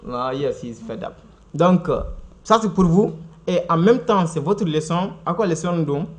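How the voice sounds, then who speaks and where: Lively man teaching English on TV. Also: on the high side, normal speed. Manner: lively, laughing, switching between French and Bambara. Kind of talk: live TV language lesson.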